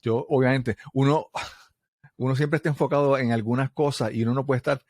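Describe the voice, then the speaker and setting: A man's voice: medium pitch, fairly even intonation, a little mellow, no echo. Friendly male podcast host. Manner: friendly, chuckles often, halting with restarts. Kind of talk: casual interview chat.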